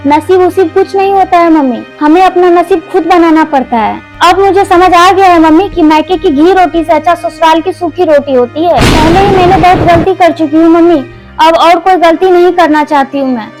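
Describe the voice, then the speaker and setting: Young woman, fed-up daughter in a family soap, high voice, earnest and firm, faint music under it, as an actress plays her. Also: normal speed. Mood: resolute. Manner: earnest, pleading then resolute. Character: young woman back at her mother's home, determined. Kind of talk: Hindi family drama acting.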